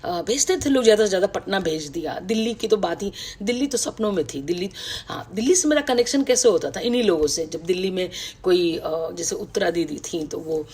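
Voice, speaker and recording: Middle-aged woman on a video call, kinda husky voice, thoughtful, lots of pauses and umms. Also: fairly low pitch, expressive. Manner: reflective, warm-hearted, many pauses and fillers. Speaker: writer speaking to an online audience. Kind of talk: personal reminiscence, casual talk.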